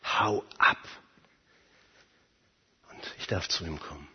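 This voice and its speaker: Preacher playing a gentle male savior, quiet and low, husky, long reverb; brief sermon role. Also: takes it slowly, full character voice. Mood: reassuring. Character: calm merciful Christ figure, a gentle male savior. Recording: dull sound, long hall reverb.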